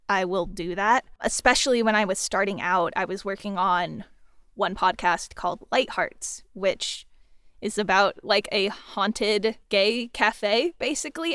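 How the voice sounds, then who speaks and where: A sound designer on a podcast, this woman speaks in a medium-pitched, slightly bright, clear and resonant voice, recorded in studio quality with no room sound. She chats informally, trading questions and answers in a casual behind-the-scenes roundtable.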